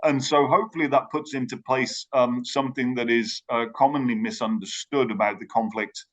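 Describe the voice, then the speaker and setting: A man's voice: medium pitch, fairly even intonation, a little fast. A man from Ireland with a British accent, giving a remote conference talk, hesitant with many fillers and restarts. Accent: British English. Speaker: conference speaker. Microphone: video call.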